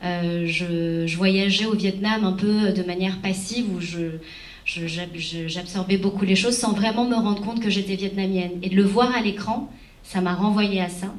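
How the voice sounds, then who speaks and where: A woman's voice: medium pitch, steady tone, normal speed. A woman moderating a live panel, speaking hesitantly with many fillers. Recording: roomy hall from a distant mic.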